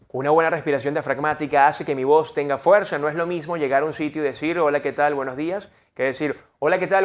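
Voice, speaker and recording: A man coaching on the voice, teaching a lesson and acting out examples with big swings in tone and emphasis. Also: a little high. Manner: expressive, demonstrates voices with big shifts in tone. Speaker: voice and speaking coach. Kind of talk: lesson on vocal technique.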